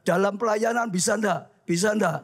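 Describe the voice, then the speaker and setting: A male pastor preaching a lively sermon, often calling out to the congregation. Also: sits high, moderate pace, husky. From Indonesia. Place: church hall.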